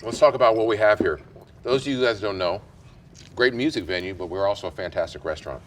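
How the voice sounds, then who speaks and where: A man's voice: lowish voice, fast, far from the mic. A man hosting a casual lunch interview at a restaurant, upbeat and rambling. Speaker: host.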